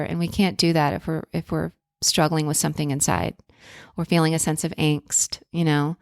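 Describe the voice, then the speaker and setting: A woman's voice: sits low, gravelly, darkish tone, dry recording, studio quality. A woman hosting a podcast in a self-help influencer style, speaking casually and earnestly with spiritual encouragement and affirmations.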